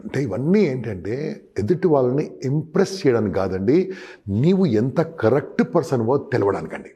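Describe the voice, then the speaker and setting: A man, his voice dark, mellow and slightly husky. He gives sales advice in an interview, driving points home by calling the listener boss and acting out exchanges with customers. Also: medium pitch, big pitch swings, moderate pace. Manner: emphatic, addresses listener as boss, acts out customer dialogue. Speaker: sales trainer guest.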